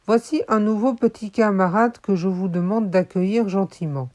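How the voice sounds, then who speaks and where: A woman voicing a flustered female schoolteacher who stammers and keeps clearing her throat, in a children's audiobook. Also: mid-range voice, normal speed, a little mellow, lightly acted. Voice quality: hesitant, stammering.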